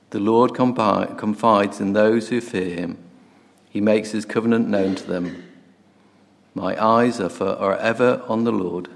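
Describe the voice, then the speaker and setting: A man with a low, gravelly voice reads a psalm aloud at a measured pace. He stumbles and restarts now and then. A long hall reverb hangs behind him. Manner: measured reading with small slips and restarts. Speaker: scripture reader. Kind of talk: reading scripture aloud.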